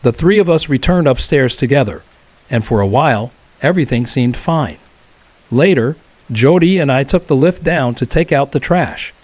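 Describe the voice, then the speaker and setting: Calm man narrating a horror story. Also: medium pitch, moderate pace, dry recording.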